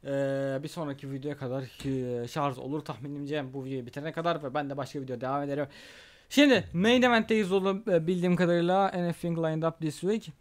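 A young man giving casual Let's Play commentary, excitable and trash-talking at the game. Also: fairly high pitch, a little fast. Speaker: gaming YouTuber.

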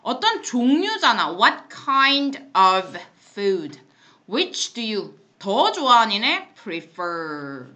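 A woman teaches English in a classroom, explaining phrases in Korean and slowly reading example sentences, tossing blunt, playful asides to her students. Her voice is a little high, bright and forceful, with big pitch swings.

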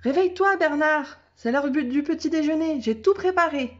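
A woman voicing a fearless, bossy little girl who calls out excitedly and gives orders in a storybook. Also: high voice, moderate pace, pitched above the performer's own voice. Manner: excited, calling out and giving orders. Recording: dull lo-fi sound.

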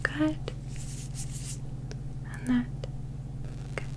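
Close to the microphone, a young adult woman performs a soft-spoken ASMR medical roleplay in a breathy whisper. She sounds gentle, soothing and reassuring, drawing out her words over a noisy background.

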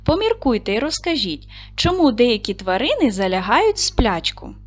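A woman's voice: on the high side, sing-song, normal speed. A woman teacher giving a lesson to second graders, talking patiently and addressing the children directly. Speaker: primary school teacher.

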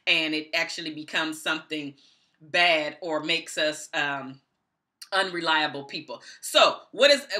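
Speaking to camera in a small indoor room at home, a middle-aged book-reviewing vlogger offers a casual review in a low-pitched, bright voice with a forceful tone. She stresses her points hard and says certain phrases more than once.

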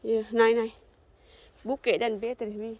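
An older Thai woman with an Isan accent, narrating a casual foraging vlog in a forest and chatting warmly to her viewers. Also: a little high, level tone, moderate pace, dull audio. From Thailand. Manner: chatty, warmly addresses viewers as kin, sweet polite endings. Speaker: vlogger. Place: forest outdoors.

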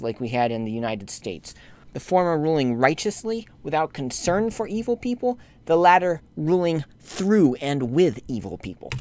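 Fairly high-pitched yet darkish in tone, a man narrates a lecture over slides as a lay commentator addressing bishops. He rebukes church leaders, his voice climbing sharply in indignant moments and settling into a measured delivery for the history.

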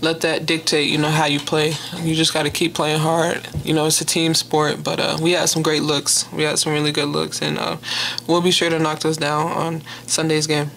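A woman's voice: deep voice, monotone, normal speed, creaky, few pauses, a bit bright, a little hiss or hum. A young woman who plays college basketball, answering postgame questions into a table mic in an easygoing way, full of "you know" and "um". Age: young adult. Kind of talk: postgame press conference answers. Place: press room in front of a sponsor backdrop. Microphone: table mic on a stand.

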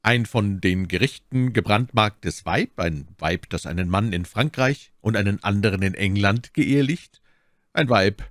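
A man voicing a bold young male musketeer in an audiobook, speaking with a steady, respectful composure. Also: fairly low pitch, a little slow, no echo, studio quality. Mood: calm, defiant. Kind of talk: audiobook character voice.

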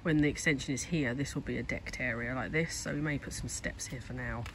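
A woman records a casual walk-and-talk vlog about her home renovation on a handheld phone, outdoors in a garden building site, chatting and thinking aloud. Her bass voice is fairly quick and fairly bright, with fairly even intonation; the audio is poor, with a little hiss or hum.

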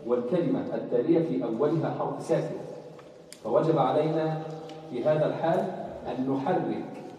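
Imam in an echoey hall. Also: male voice, fairly high pitch, warm tone. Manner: explanatory, checks in with the class. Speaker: imam teaching a Quran recitation class. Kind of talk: classroom lesson. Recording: echoey hall from far off, faint noise.

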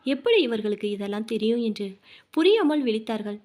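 A woman narrating a family drama story in a dramatic, expressive reading. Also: on the high side, a little fast.

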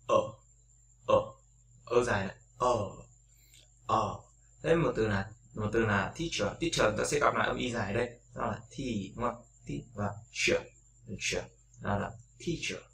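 Bright-voiced man teaching pronunciation. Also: medium pitch, a little hiss or hum. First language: Vietnamese. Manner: demonstrates sounds by repeating them, chatty. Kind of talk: casual video lesson.

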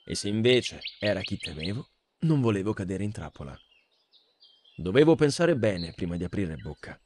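A man narrating a fantasy novel as an audiobook, reading in an expressive, dramatic way. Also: deep voice, moderate pace. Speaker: audiobook reader.

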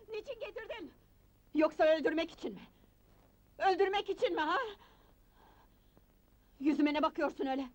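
A woman's voice: extremely high pitch, a little mellow. Frantic, sobbing addict woman. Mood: accusing. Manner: pleading, sobbing, screaming. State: crying. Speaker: film character. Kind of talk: 1980s film drama acting. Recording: old film soundtrack with music.

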